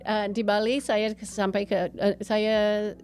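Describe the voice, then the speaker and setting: Music plays behind a woman with a mid-pitched voice and an American accent. She is a native English speaker talking in Indonesian as a foreigner, often mixing in English phrases. Her delivery is casual storytelling, as a guest in an interview. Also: level tone, takes it slowly, a little mellow. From United States. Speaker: interview guest, gallery owner and painter.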